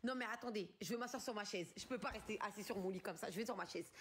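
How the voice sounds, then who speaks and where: A woman's voice: medium pitch, quick pace. A woman in her twenties from France, ranting angrily in street slang and swearing as she tells a story on a live stream from her bedroom. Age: 20s. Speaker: livestreamer. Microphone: phone camera.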